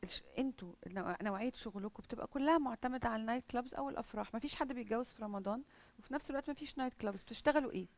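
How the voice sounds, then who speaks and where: An Egyptian woman hosts a studio talk show, her voice a little high. She fires off pointed questions at a very quick clip. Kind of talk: confrontational interview questioning. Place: TV studio with audience.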